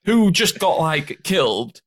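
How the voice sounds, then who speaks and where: A man's voice: a little high, big pitch swings, takes it slowly, fairly bright tone. A man co-hosting a podcast, chatting loosely about a film, rambling and laughing often. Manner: rambling, laughs often, slips into silly voices. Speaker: podcast co-host. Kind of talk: casual film chat.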